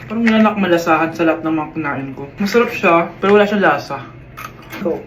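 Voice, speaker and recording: A woman's voice: fairly low pitch, lively intonation, quick pace, noisy background. A woman casually rating snacks and desserts for viewers in a chatty review vlog. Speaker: food reviewer. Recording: background music under voice.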